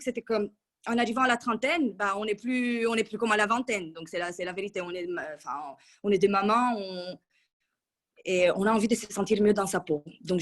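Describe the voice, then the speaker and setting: A woman in her thirties giving a casual testimonial in an interview, chatty and full of restarts. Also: mid-range voice. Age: 30s. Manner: chatty, with many restarts and fillers. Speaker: coaching client giving a testimonial.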